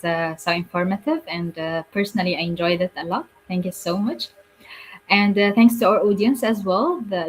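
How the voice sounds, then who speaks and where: A woman's voice: fairly low pitch, a little hiss or hum, rough recording. A woman host from Egypt wrapping up an online episode, thanking guests with many fillers. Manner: warm thanks, filler-heavy. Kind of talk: closing remarks on a webinar.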